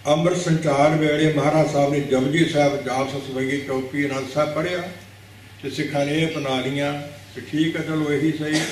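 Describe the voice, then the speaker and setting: A Sikh preacher giving a religious discourse, teaching didactically, repeating words to correct pronunciation and asking rhetorical questions. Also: male voice, medium pitch, a little hiss or hum. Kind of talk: religious discourse explaining scripture. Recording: very echoey hall, mic at a distance.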